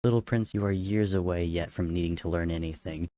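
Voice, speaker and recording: A man's voice: sits low, fairly even intonation, fairly quick, warm tone, close to an everyday voice. A man voicing a dry, curt, arrogant young warrior tutor in a story reading. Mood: amused, curt.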